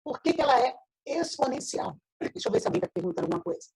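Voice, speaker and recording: With a high, sing-song, gravelly voice and a fast delivery, this Brazilian Portuguese-accented teacher walks through an online math class step by step, using tag questions to check in. Background noise is present, and her audio glitches into choppy, robotic video-call sound.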